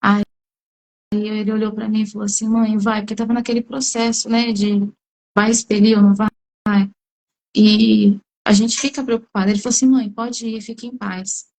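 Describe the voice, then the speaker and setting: A woman's voice: mid-range voice, darkish tone, poor audio. A middle-aged Brazilian woman giving a church testimony, telling the story and acting out her own cries in the quoted lines. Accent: Brazilian Portuguese. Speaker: speaker at a women's church meeting. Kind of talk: testimony sermon.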